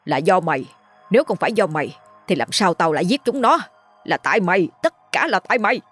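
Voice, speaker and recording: A woman voicing a crazed, murderous old village man who shouts and rants. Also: medium pitch, very animated, a little fast, soft background music. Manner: shouting, ranting.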